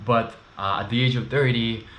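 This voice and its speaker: The voice is mid-range and steady at a moderate pace, fairly bright, with the highs cut off, slight background noise and a roomy echo. It belongs to a thirtysomething vlogger with a Russian and Ukrainian accent who recounts his personal story to camera in non-native English, candidly and with frequent fillers.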